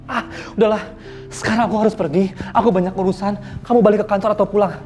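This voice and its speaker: A man's voice: high-pitched, steady tone, fast talker, darkish tone, faint music behind, close to an everyday voice. An actor playing a young man who evades his girlfriend's questions, pleading and exasperated, in a TV soap drama. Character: young man Raka, troubled boyfriend, evasive.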